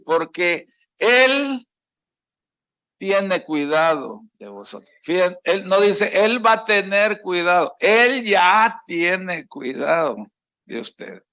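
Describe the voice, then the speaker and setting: Salvadoran preacher man, slow and higher-pitched. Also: creaky, a bit bright. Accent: Salvadoran Spanish. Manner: drawn-out scripture reading, calls on congregation to repeat. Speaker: pastor. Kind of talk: sermon.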